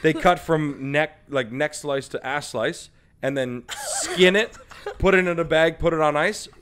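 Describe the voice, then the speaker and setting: A male comedian telling stories in a casual podcast chat, profane and rambling with many fillers, slipping into animated impressions. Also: on the high side, unhurried. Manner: slips into animated impressions and laughs mid-story. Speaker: comedian guest.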